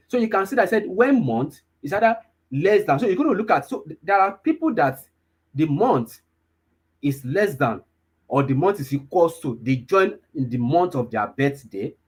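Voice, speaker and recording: This young man in his 20s has a husky voice on the high side, speaking expressively at normal speed. Teaching data analysis in a live online class, he goes over points repeatedly and keeps asking if everyone is following.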